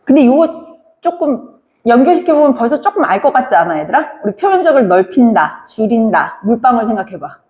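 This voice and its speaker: A woman's voice: on the high side, very animated, fairly quick, hardly any pauses, a little mellow, dull audio. A woman teacher giving an online lecture, asking her students questions and answering them herself. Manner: often addresses listeners as kids. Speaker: Korean language teacher. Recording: echoey room with long reverb.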